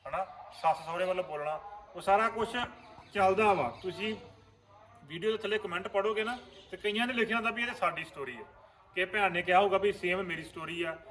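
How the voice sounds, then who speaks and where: A man who acts in a vlog series chats casually, earnestly explaining roles to viewers. His voice is high and fairly bright, and he speaks briskly.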